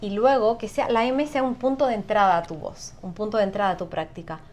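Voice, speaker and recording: A woman guest on an interview, explaining calmly and often adding tag questions. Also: medium pitch, fairly quick. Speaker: sound therapist guest. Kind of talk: conversational interview.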